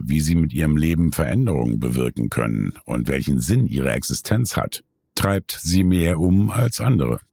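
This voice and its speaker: A man reading a scripted nonfiction summary in a calm, measured way. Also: extremely low pitch, vocal fry, breathy edge, no room sound, clean studio sound. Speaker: narrator.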